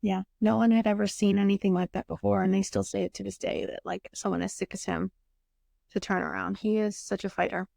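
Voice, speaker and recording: A young woman with a gravelly, creaky edge to her voice tells a painful personal story in a candid, raw way, acting out each exchange and letting the odd curse slip. The sound is close and dry, with no room around it. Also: mid-range voice, steady tone, brisk, dark tone, no room sound. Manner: emotional, candid, swears, reenacts dialogue. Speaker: podcast host. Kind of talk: casual podcast storytelling.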